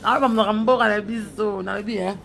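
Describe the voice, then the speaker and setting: A woman chatting casually on a live stream, reading out viewers' names and comments in an animated way and laughing often. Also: medium pitch, a little fast, creaky, a little hiss or hum. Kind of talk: casual live chat, switching between Lingala and French.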